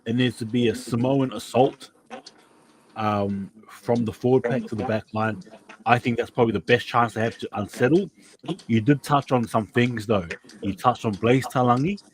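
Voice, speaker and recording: A man's voice: medium pitch, moderate pace, poor audio. A man from New Zealand hosting a casual rugby league preview, chatty and given to repeating himself and restarting. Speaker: podcast host.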